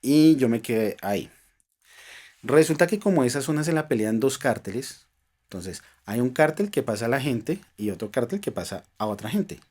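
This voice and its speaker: A man speaking Spanish with a Colombian accent, guesting on a podcast and recounting his own experience in an earnest, emotional way. His voice is mid-pitched and ordinary. He often sinks to a quieter tone when the story grows tense. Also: lively intonation, normal speed, breathy edge. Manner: earnest, emotional, speaks of faith, drops to soft tones at tense moments. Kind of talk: personal storytelling in a podcast interview.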